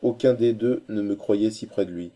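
A man reading a novel aloud as audiobook narrator, in a measured, steady storytelling way. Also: on the low side.

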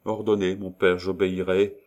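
A man's voice: low voice, flat delivery, normal speed, a little mellow, lightly acted. A man voicing a timid, emotional young woman who pleads through tears, in a storybook reading. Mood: tender, pleading. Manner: pleading, tearful.

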